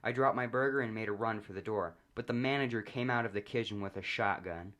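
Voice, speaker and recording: A fast-talking man delivers a first-person comedic narrative, keeping his low-sitting voice flat and deadpan as he reads.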